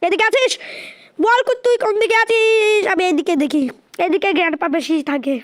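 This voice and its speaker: Very high-pitched excitable woman gamer. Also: brisk. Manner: taunting, shouting at game characters. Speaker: gaming channel host. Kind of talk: excited horror game commentary.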